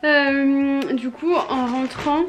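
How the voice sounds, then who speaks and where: A woman's voice: sits high, fairly even intonation, extremely slow, background noise. A young woman in her twenties from France, chatting casually to camera in a vlog at home, with many hesitations and fillers. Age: 20s. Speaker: vlogger. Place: indoors at home. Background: background music.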